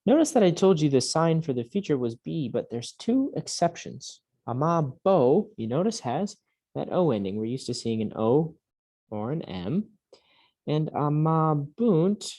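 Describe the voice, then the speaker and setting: A man teaching a Latin lesson to young students, patiently drilling words aloud slowly and clearly. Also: medium pitch, mellow. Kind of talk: recorded classroom lesson.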